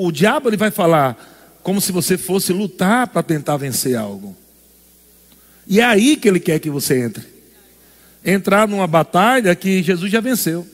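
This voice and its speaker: A man's voice: high voice, big-room sound. A male pastor preaching a sermon in an emphatic call-and-response style.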